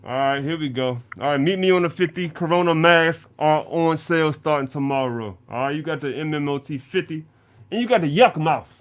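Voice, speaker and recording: A man's voice: on the high side, fairly quick. A male show host chatting casually on a video call, hyped and slangy, often asking "you know what I'm saying?". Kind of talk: casual chat.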